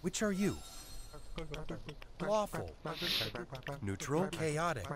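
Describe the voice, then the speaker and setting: A man's voice: a little high, very animated, slow pace, crowd noise. A man playing a solemn, benevolent holy figure in a cartoon game, speaking formally. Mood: solemn, gentle. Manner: formal, pontificating. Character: solemn, benevolent male deity. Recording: game music behind the voice.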